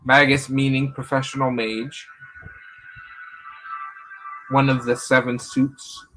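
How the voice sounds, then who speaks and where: A man's voice: medium pitch, flat delivery, slow pace, fairly bright tone, faint music behind, poor audio. A man giving a casual, rambling live-stream reading, talking to his viewers by name. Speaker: online rune reader.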